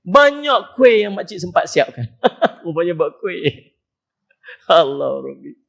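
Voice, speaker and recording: A man with a Penang Malay accent giving a humorous, animated mosque lecture, mimicking people as he preaches. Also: sits high, slow pace, creaky. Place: mosque hall.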